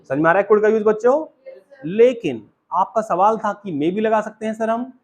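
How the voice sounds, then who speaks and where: A man's voice: sits high, normal speed, a little mellow. A man teaching spoken English in a classroom with an Indian English accent, mixing Hindi and English and repeatedly quizzing his students. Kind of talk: classroom lecture.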